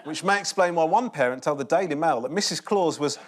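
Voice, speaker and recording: A man's voice: a little high, fast. A man hosting a comedy panel show with dry joking delivery. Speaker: host. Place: TV studio with audience.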